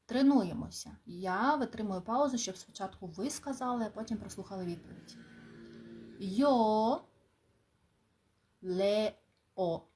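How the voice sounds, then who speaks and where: Slow, patient woman teaching in drills. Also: medium pitch. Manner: clear, drawn-out drilling with pauses, warm asides and laughs. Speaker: language teacher. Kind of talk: slow, patient spoken lesson.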